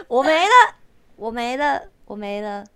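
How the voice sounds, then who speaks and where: A woman hosting a podcast, telling jokes in casual chat, chatty and quick to laugh. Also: sits high. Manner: chatty, laughs often, earnest. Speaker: podcast host. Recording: remote recording, limited quality.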